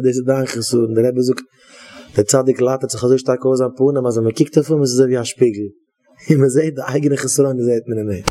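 A man's voice: medium pitch, warm tone. Rambling man giving a Yiddish sermon. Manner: rambling, repeats himself, searches for words. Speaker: rabbi giving a talk.

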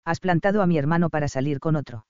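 A man's voice: a little high, fast, darkish tone, clean tone, dry recording, lo-fi sound, lightly acted. A man voicing a blunt, nosy young woman friend in an audiobook. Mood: brash.

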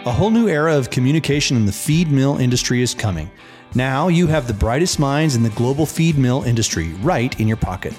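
A man's voice: mid-range voice, expressive, brisk. A man reading a polished, upbeat scripted promo as the show's announcer. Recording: soft guitar music underneath.

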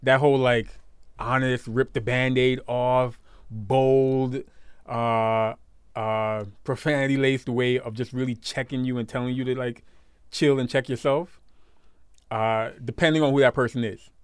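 A man's voice: medium pitch, fairly even intonation, unhurried, smooth, no echo, clean studio sound. A man co-hosting a podcast, rambling in casual chat and teasing his co-host. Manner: rambling, teasing, laughs often.

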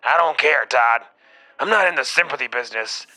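A man playing a gruff, unsympathetic landlord in his sixties in a script reading. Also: mid-range voice, animated, a little fast, pushed and bright. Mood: cold, menacing. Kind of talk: comedy script table read.

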